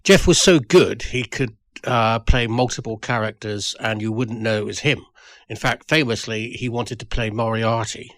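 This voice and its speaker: A man's voice: medium pitch, normal speed, a bit bright, no room sound. A man reminiscing about a fellow performer in a tribute, talking with many hesitations and restarts. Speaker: audio drama writer.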